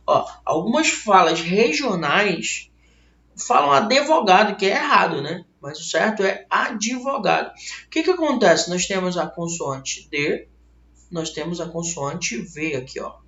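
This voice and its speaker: Brazilian male teacher, lively questioning style, gravelly voice, echoey lo-fi room sound. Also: on the high side, measured pace. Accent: Brazilian Portuguese. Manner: lively, asks questions and answers them himself. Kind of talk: online grammar lesson. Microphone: laptop mic. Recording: roomy, dull lo-fi webcam audio.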